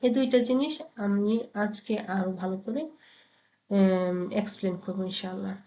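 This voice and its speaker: A woman giving a pronunciation lesson, saying example words slowly and repeating each one. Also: medium pitch, warm tone. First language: Bengali. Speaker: Italian language teacher. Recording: echoey, dull lo-fi room sound.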